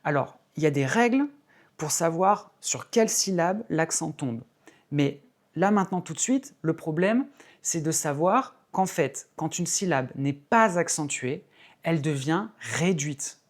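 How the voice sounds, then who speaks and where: A woman, an English teacher, explaining patiently and clearly in a video lesson, stressing key words by repeating them. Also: low-pitched, lively intonation, measured pace.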